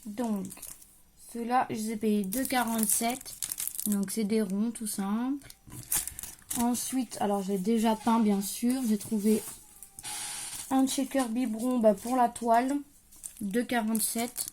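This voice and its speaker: A woman's voice: on the high side, steady tone, slow, pauses often, warm tone, slight background noise. Chatty woman unpacking a craft haul. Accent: French-speaking, regional. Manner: chatty, thinks aloud while unpacking, trailing off. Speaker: crafting vlogger showing a haul. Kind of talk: casual haul chat to camera. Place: at home, at a craft table, creaky chair.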